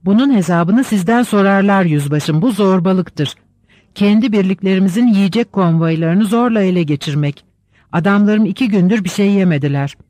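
A man's voice: high-pitched, normal speed, a little mellow, no room sound, studio quality, close to an everyday voice. Angry little infantry officer read by a man. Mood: indignant. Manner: threatening, indignant. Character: angry small thin male infantry officer.

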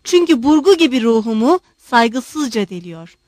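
A woman's voice: on the high side, very animated, moderate pace, no room sound, studio quality. Woman voicing a raging old general. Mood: indignant shouting. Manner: shouting, wounded pride. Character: old blustering male general, proud and raging.

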